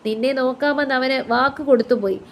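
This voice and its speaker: A woman's voice: sits high, fast, slight background noise. A woman reading the lines of a cold, bitter young husband who speaks harshly and curtly. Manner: harsh, curt.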